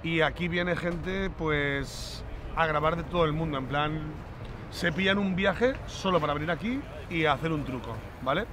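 A middle-aged man, telling stories in a relaxed, slangy way in an outdoor plaza. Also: on the high side, moderate pace. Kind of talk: casual street chat. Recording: outdoor street noise.

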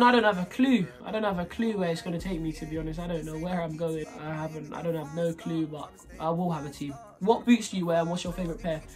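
Young man in a relaxed bedroom vlog, high voice. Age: 20s. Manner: relaxed, trailing off, repeats "obviously". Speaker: footballer answering fan questions. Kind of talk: casual Q&A vlog. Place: bedroom, indoors. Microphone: camera at desk distance.

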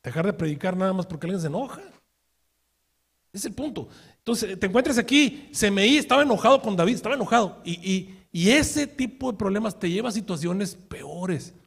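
A man preaching a sermon as pastor, telling a story with rhetorical questions and acted-out quotes, swinging from quiet asides to loud outbursts. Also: high-pitched, expressive, a little fast, gravelly, slightly rough.

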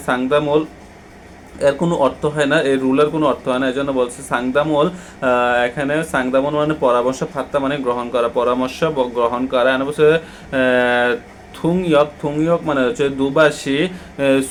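Bangladeshi male language tutor, mid-pitched, halting, filler-heavy delivery, light background noise. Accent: Bangladeshi Bengali. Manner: hesitant, many drawn-out "ah" fillers between words. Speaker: Korean language teacher. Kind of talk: explaining textbook vocabulary.

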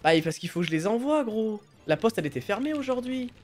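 A woman streaming a game live, chatting casually and excitably with her audience and her co-player, often breaking into laughter. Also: a little high, fast, a crowd in the background. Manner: excitable, bursts of laughter, teasing. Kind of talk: casual live-stream chat while gaming.

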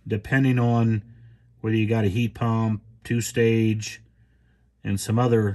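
A man casually walking through his own furnace repair off camera, plain and unhurried, with many ums and restarts. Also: on the low side. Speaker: homeowner showing a repair. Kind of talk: casual DIY walkthrough.

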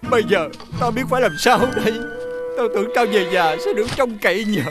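A middle-aged man playing a widowed village father who scolds loudly and wails laments melodramatically, over faint music. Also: sits high, fairly quick, lightly acted. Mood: lamenting.

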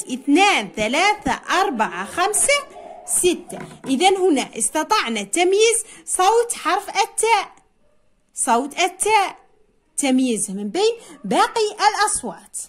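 High, lively woman teaching slowly. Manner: slow, drawn-out dictation of single words, repeating each; asks pupils questions and answers them herself. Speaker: primary school teacher. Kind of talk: Arabic spelling lesson.

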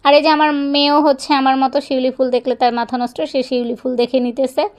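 Holding her phone as she walks around the neighborhood, a young woman chats and rambles for her vlog, full of fillers. Her voice is high and clean, with fairly even intonation. She speaks quickly.

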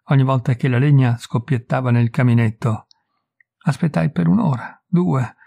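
Gravelly, mellow-voiced man reading a story. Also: on the high side. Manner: dramatic, emotive delivery with sudden rises and hushed drops. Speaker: reader of literary tales. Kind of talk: expressive audiobook reading.

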